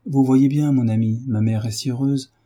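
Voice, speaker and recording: A man reading a novel aloud and voicing a troubled young man, earnest and urgent, in a husky dark voice. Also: mid-range voice, fairly even intonation, moderate pace, pitched above the performer's own voice, lightly acted. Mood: insistent.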